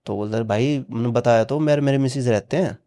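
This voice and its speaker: A man's voice: medium pitch, fast talker, mellow. A man casually recounting a horror story on a podcast, acting out the dialogue with frequent "he said" tags. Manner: retells dialogue with many "he said" tags.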